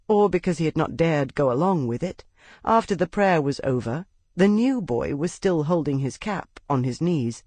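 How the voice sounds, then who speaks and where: A woman audiobook narrator reading a classic novel in a measured, expressive storytelling manner on a close studio mic. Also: deep voice, no echo. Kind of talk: scripted literary narration.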